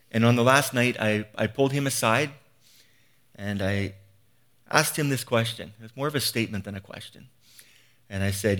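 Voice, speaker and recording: A man's voice: fairly low pitch, a bit bright. A man in his fifties giving an earnest, conversational sermon, often restarting phrases and asking rhetorical questions. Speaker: preacher.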